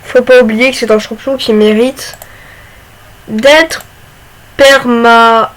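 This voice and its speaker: Chatty young woman with a high voice. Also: moderate pace. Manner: chatty, filler-heavy, excitable. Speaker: gaming YouTuber. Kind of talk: casual gaming commentary.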